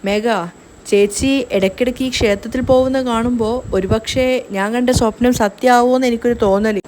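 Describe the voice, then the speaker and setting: A blunt, tactless middle-aged uncle who grumbles his way through every remark, as a woman narrator reads him, in a fairly high voice, with a faint hiss of noise under the story recap. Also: fairly even intonation, a little fast, a little mellow, natural voice. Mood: grumbling.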